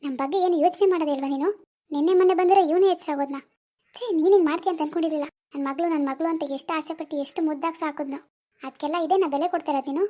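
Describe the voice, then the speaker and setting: A woman playing a strict, quick-tempered village mother, scolding fast and loud in a village drama. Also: close to an everyday voice. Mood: reproachful. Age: middle-aged. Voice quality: shrill, scolding.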